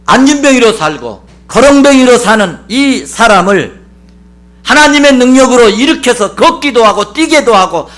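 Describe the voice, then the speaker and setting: A male pastor delivers a sermon in a high voice that swoops up and down with lively emphasis. He presses his points through repetition and rhetorical questions.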